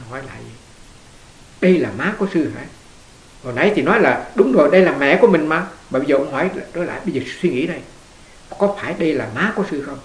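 A man, a Buddhist monk giving a conversational dharma talk, telling stories and putting questions to his listeners. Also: fairly high pitch. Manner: conversational, storytelling, asks the audience questions. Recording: echoey room with faint hiss.

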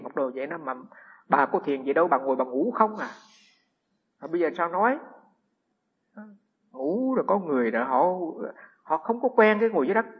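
Husky-voiced monk, fairly high, telling lively anecdotes; dull lo-fi recording. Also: male voice. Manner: lively anecdotes with frequent restarts. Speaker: Buddhist monk giving a dharma talk. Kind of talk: humorous storytelling sermon. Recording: echoey hall, dull lo-fi sound.

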